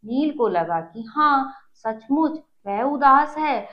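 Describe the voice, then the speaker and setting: A woman's voice: high-pitched, animated, slow. A woman teacher reading a children's story aloud, then retelling each line simply for her pupils. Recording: dull lo-fi recording.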